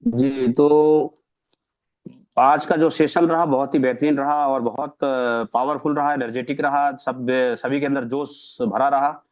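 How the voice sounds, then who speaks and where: A man's voice: medium pitch, fairly even intonation, takes it slowly. A man hosting an online webinar, introducing guests with effusive, ceremonial praise over a video call. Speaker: webinar host. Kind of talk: formal event hosting. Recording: muffled video call audio.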